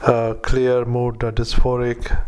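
A man working as a clinician dictates a medical note in halting fragments, speaking punctuation aloud. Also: medium pitch. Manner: halting, flat, monotone delivery in short fragments. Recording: clearly noisy recording with background ambience.

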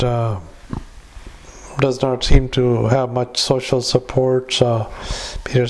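A male clinician dictating clinical notes into a dictaphone recorder, halting with many filler sounds. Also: mid-range voice, vocal fry, a little mellow, a little hiss or hum, poor audio. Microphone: handheld dictation recorder.

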